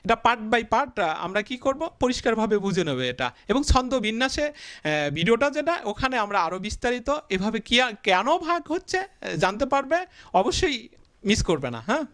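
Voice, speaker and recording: A male teacher giving a blackboard grammar lesson, asking the class questions, answering them himself and drawing syllables out slowly as he writes. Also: very high voice, sing-song, a bit bright, no echo. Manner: stretches out syllables slowly while writing.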